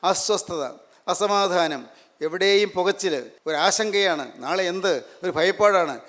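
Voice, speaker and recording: A man's voice: high-pitched, takes it slowly, a bit bright. A man preaching a sermon, emphatic and repetitive, full of rhetorical questions. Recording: long hall reverb.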